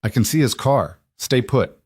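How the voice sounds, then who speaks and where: A man doing Ethan, a calm protective dad. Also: mid-range voice, normal speed, husky, no echo, studio quality, voice pushed up. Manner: calm, steady, firm.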